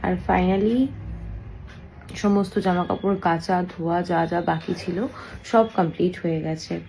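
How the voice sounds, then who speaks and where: A woman vlogging softly at home, chatting about her chores while someone sleeps nearby. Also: lowish voice, steady tone, measured pace, creaky, a little hiss or hum, low-quality recording. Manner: soft, hushed talk so as not to wake a sleeper; chatty, homely running commentary on chores. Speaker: family vlogger. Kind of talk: casual vlog narration. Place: home, indoors.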